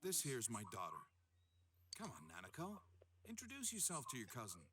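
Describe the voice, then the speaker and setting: Give me a gruff, dry game uncle. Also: male voice, medium pitch, huge pitch swings, moderate pace, noisy background. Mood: steady. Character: gruff middle-aged male detective uncle. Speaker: game character.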